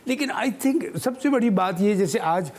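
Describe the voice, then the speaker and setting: Older man, emphatic cricket analyst, high voice, studio talk. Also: lively intonation, a little slow, darkish tone. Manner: emphatic, mixes English phrases. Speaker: cricket analyst, former chief selector.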